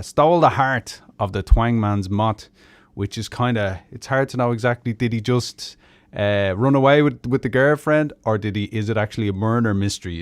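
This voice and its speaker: An Irish man hosting a weekly music live stream, chatting casually between songs in a relaxed, rambling way with many fillers. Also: lowish voice.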